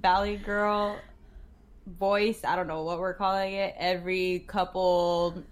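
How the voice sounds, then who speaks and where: A woman's voice: lowish voice, little pitch movement, measured pace. A woman co-hosting a live-streamed chat podcast. She teases her co-host, laughs often and reads viewer comments aloud.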